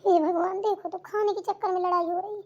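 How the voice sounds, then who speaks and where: A woman's voice: extremely high pitch, fairly even intonation, fast, lo-fi sound. Woman voicing a sly teasing cartoon daughter-in-law. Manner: sly, teasing, chuckling asides. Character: sly gossiping young daughter-in-law, mocking.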